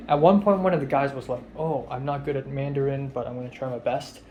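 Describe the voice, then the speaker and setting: This young man from Hong Kong speaks fast in a steady, mid-range, slightly mellow voice for a casual video diary. The recording is muffled with slight background noise, and as a vlogger he rambles frankly, swearing freely with plenty of ums.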